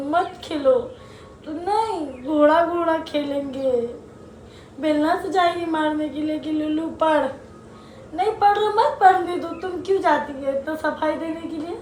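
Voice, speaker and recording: A woman's voice: high-pitched, darkish tone, reverberant, a little hiss or hum. A woman, a mother filming a family vlog and arguing with her husband in a heated, sarcastic way. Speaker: vlogger, mother.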